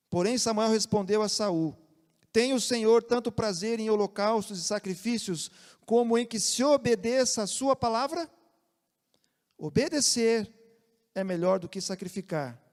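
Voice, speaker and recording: High-voiced Brazilian pastor in a reverberant hall. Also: male voice. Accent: Brazilian Portuguese. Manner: animated preaching, shifting from loud emphasis to soft asides. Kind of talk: sermon. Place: church sanctuary. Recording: long church hall reverb.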